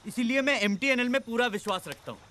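Naive talkative clerk, polite, rambling, high bright voice, film. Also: male voice, fast. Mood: cheerful. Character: chatty naive tax clerk, cheerful and long-winded. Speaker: simple-minded tax clerk. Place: outdoors on an island.

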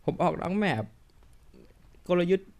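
A man's voice: unhurried, warm tone. A man giving casual, joking commentary while playing a tank game, swearing freely and laughing at his own mistakes. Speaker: mobile tank game YouTuber. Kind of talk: live gameplay commentary.

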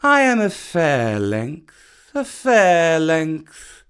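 Reading from a storybook, an actor voices an old male python who is wary and proud, giving him a slow, courteous, hissing delivery. The voice sits at medium pitch with a sing-song quality.

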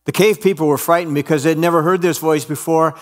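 A male pastor narrating a parable during a sermon in a slow, expressive storytelling manner. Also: a little high, in a large hall.

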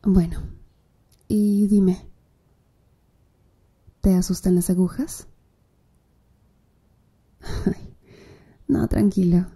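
Using a full character voice, a woman plays a slow, flirty tattoo artist in an ASMR roleplay; her mid-range voice is dark and mellow, with flat delivery. She is soft and breathy, teasing her client with easy confidence and little laughs.

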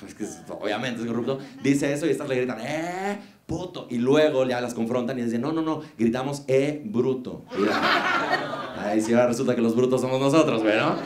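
A man's voice: mid-range voice, fast talker, a little hiss or hum. A young man with a Mexican accent doing stand-up comedy on a club stage, mocking and teasing the audience in slangy speech. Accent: Mexican Spanish. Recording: echoey club room, crowd audible.

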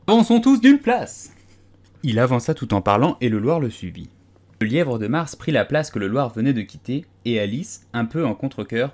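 A man narrating a storybook audiobook in an expressive, lively reading style. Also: medium pitch.

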